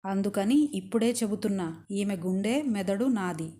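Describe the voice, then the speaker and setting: A woman voicing a hungry, bloodthirsty female demon guard who gloats over her prey, in a warm, mellow voice. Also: mid-range voice, moderate pace, close to an everyday voice. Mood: gloating greed. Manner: gloating, greedy.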